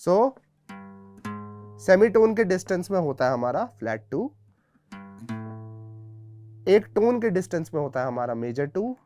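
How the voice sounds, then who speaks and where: A man's voice: sits high, big pitch swings, a little slow, pauses often, mellow. A man teaching a guitar theory lesson, explaining patiently step by step and checking in with his students often.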